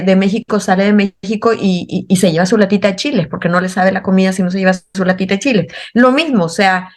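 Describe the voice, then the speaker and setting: An effusive, expressive woman speaking with a Nicaraguan accent. She chats as a guest author in an interview, her voice sitting at an ordinary middle pitch. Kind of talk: casual interview chat.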